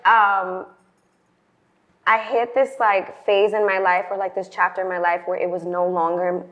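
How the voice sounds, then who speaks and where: A woman's voice: medium pitch, flat delivery, a little slow, fairly bright tone. A woman, talking as a podcast guest in a casual, chatty way and filling her speech with "like". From the Bronx, New York. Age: late 20s. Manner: chatty, frequent "like" fillers. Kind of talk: casual interview chat. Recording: dull lo-fi sound.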